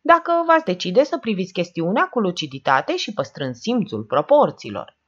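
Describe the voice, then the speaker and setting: A woman reading the part of a calm, haughty Englishwoman who speaks in a serene, measured, contemptuous way, in a dull lo-fi recording. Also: on the low side, breathy edge.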